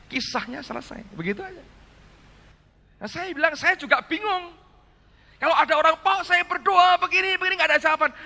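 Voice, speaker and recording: A male preacher with a high, piercing voice tells a story from the pulpit and turns often to address his listeners. His delivery jumps from quiet asides to loud exclamations. The sound carries the long reverb of a large hall. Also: gravelly. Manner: storytelling with quoted dialogue, calls the audience "saudara"; swings between hushed low asides and loud high exclamations. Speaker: pastor. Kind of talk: sermon. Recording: echoey hall sermon recording.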